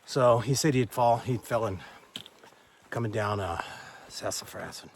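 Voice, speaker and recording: An older Texan hiker vlogs along a forest trail into a handheld camera, speaking a little slowly in a lowish voice over slight background noise. He rambles folksily through a casual vlog, offering friendly advice.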